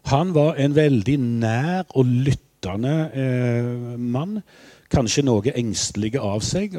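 An older man telling a personal story in a measured, reflective, somewhat halting way. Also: mid-range voice, dark tone, breathy edge, no room sound. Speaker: spokesman for bereaved families.

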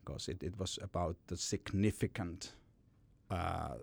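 In an unhurried, deep, gravelly voice, a man from Finland describes founding his company during a podcast interview. He rambles, with words repeated frequently along the way.

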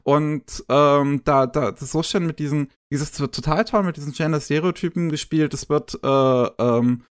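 A man's voice: a little high, normal speed. A man in casual podcast talk, hesitant and full of fillers and restarts as he reviews an anime series.

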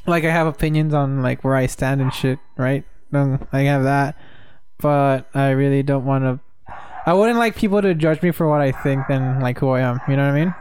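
A man's voice: medium pitch, normal speed, a little mellow, clean tone. A man co-hosting a podcast, chatting playfully and a bit hesitantly. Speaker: podcast co-host. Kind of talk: casual chat.

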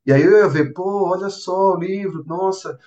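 A Brazilian novelist speaks in a loose, lively interview style, piling up fillers as he recounts things. His voice sits somewhat high for a man. The audio sounds distant and a bit muffled, like a remote call. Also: moderate pace. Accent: Brazilian Portuguese. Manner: animated storyteller, filler-heavy, says "cara" and "assim" often. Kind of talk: casual interview conversation.

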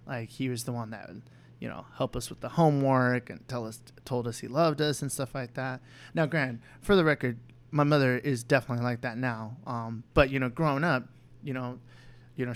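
A man's voice: mid-range voice, smooth. Young male podcast co-host, resonant clean voice, loose rambling delivery with constant fillers. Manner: rambling, full of "you know" and restarts. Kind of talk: candid personal chat.

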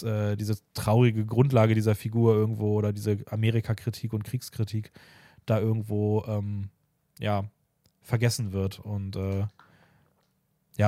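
Man, podcast host, quick rambling chat, dry close sound. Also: fairly low pitch, dark tone, dry recording. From Austria. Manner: rambling, many fillers and restarts. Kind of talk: casual chat.

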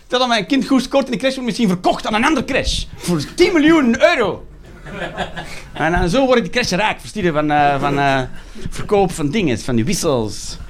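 A man's voice: high-pitched, expressive, moderate pace. A Flemish man in his thirties doing a sarcastic, swearing stand-up rant. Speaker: stand-up comedian.

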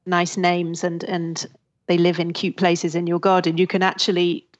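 A literary translator and academic gives conversational interview answers, talking thoughtfully and laughing easily. Her voice sits on the low side and is monotone at a normal speed, captured in dull lo-fi audio.

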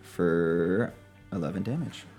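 A man with a very low-pitched voice runs a tabletop game as dungeon master. He talks casually as he narrates combat and rules, with music clearly playing behind him. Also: slow.

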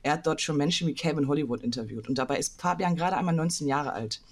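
A woman hosting a podcast interview, brisk and friendly, with a read introduction. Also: low voice. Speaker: podcast host.

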